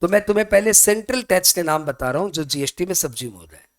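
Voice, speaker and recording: A man's voice: high-pitched, expressive, fast talker. Chatty man teaching a class. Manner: chatty, mixes Hindi and English, asks students questions; voices imagined student questions. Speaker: tax teacher. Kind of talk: classroom lecture.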